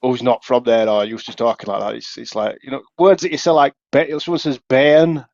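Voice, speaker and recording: Rambling broad Yorkshire bloke. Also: male voice, mid-range voice, level tone, brisk, vocal fry, a little mellow, no echo. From Yorkshire, England. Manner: chatty, rambling storyteller. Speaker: podcast co-host. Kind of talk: casual pub-banter chat. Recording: dry, slightly dull podcast audio.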